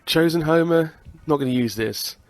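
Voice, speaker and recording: This young Brit is stuffed up from a cold as he casually commentates a video game playthrough for his channel, chatty with the occasional swear. His voice runs on the high side at normal speed, recorded dry.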